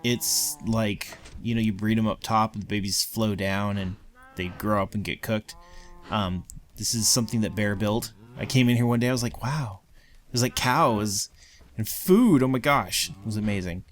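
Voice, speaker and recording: A man's voice: lowish voice, normal speed. A man casually narrating a tour of a game world, rambling with lots of ums and likes. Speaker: let's play co-host. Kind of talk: casual gameplay commentary.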